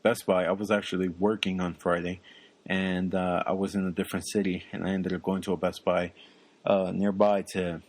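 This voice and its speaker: Low-voiced rambling podcast guy. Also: little pitch movement, normal speed, darkish tone. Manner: rambling, with many ums and uhs. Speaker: podcast co-host. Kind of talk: casual chat.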